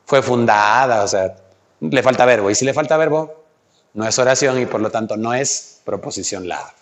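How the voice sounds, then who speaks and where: One-on-one, a math tutor works through logic exercises with a student at a moderate pace. His mid-range voice has lively intonation, and he gently coaxes the learner with plenty of questions.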